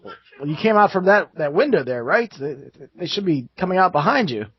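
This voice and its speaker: Husky-voiced man running a tabletop game. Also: high voice, sing-song. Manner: halting narration with many fillers, laughs easily. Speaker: game master. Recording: dull lo-fi dry sound.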